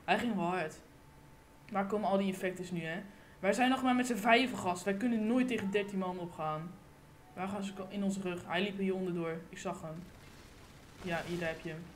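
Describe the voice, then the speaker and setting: A woman giving live gameplay commentary on her gaming channel, excitable and cursing, with sudden loud outbursts, recorded on a desk condenser mic. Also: mid-range voice, a little fast, slight background noise.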